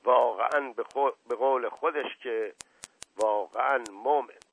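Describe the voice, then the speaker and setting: A man's voice: mid-range voice, vocal fry, slight background noise, natural voice. A man voicing an old colonel uncle who speaks in hearty, approving exclamations, heard over a narrow-band radio broadcast.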